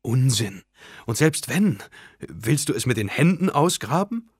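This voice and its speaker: A man's voice: fairly low pitch, a little slow, slightly rough, no echo, studio quality. A man reading an audiobook, voicing a brave, protective young village woman in a raised, firm voice. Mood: exasperated.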